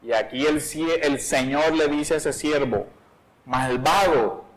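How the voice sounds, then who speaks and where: A man's voice: on the high side, normal speed, a crowd in the background, poor audio. A man preaching an expository sermon as pastor of a church, reading scripture aloud as he goes. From Colombia.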